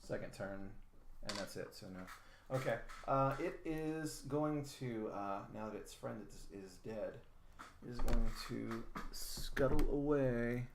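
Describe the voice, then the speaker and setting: A man running a tabletop game as game master, narrating in a relaxed, hesitant way with many fillers. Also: mid-range voice, slow, creaky. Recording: roomy, noisy home recording.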